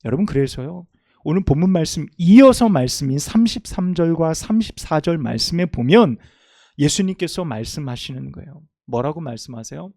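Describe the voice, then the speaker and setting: Male pastor, middle-aged, sermon, rises loud then drops soft, dry close sound. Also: a little high, animated, normal speed, no room sound. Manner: swings from loud emphatic preaching to soft storytelling. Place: church sanctuary.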